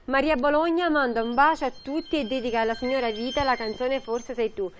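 A woman's voice: high voice, steady tone, brisk, a crowd in the background. A young woman, reading viewer messages and dedications aloud as a co-host. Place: small indoor studio stage.

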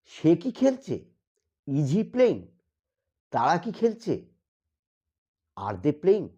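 A man teaching a grammar lesson, explaining step by step, spelling words out letter by letter and slowing down for the example sentences. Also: a little high, mellow, dull audio. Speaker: English teacher.

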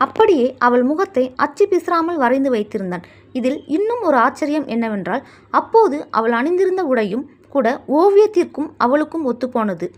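A woman reading a story aloud, in expressive, measured narration. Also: high-pitched.

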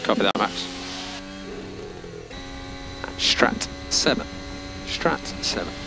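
Through a noisy racing radio transmission full of vehicle sound, a man working as race engineer reads off timing data and short, matter-of-fact instructions. He speaks slowly in a gravelly, lowish voice that stays animated.

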